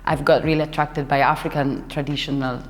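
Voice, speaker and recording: A young Italian woman who dances and choreographs is being casually interviewed, hunting for words, restarting sentences and laughing frequently. Her low voice has a flat delivery. Faint music and hall reverb sit behind her.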